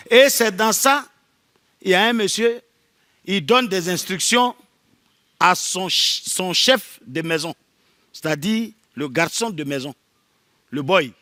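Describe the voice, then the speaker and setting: A man's voice: high voice, no room sound. A man with an Ivorian French accent doing stand-up, acting out both characters of a joke and laughing through his punchlines. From Côte d'Ivoire. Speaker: stand-up comedian. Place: comedy stage before a live audience. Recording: live show with loud crowd and noise.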